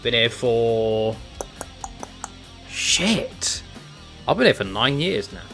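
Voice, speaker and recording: Give me a lively, bright-voiced English-born man streaming a game. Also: mid-range voice, slow, faint music behind. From England. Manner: chatty, rambling with restarts and mild swearing. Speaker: streamer playing a fighting game. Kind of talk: casual chat while gaming.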